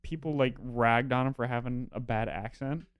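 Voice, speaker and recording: A man's voice: medium pitch, normal speed, smooth, dry recording, studio quality. A man co-hosting a podcast, retelling a film plot in a rambling way with lots of fillers. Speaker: podcast co-host. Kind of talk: casual chat.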